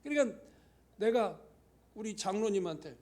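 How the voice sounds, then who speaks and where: Animated high-voiced man preaching. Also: moderate pace. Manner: conversational preaching with rhetorical questions and sudden hushed whispers. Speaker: church elder preaching. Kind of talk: sermon. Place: church sanctuary.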